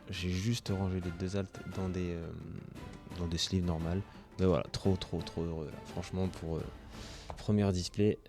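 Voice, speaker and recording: A man hosting his own channel, opening trading card packs in casual commentary, reading off card names and gushing with delight over his pulls. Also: low voice.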